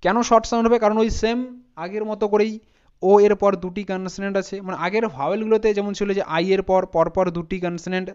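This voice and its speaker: A man's voice: high-pitched, darkish tone, clear, resonant tone, dull audio. A man teaching English pronunciation as a spoken lesson, patiently spelling words out letter by letter.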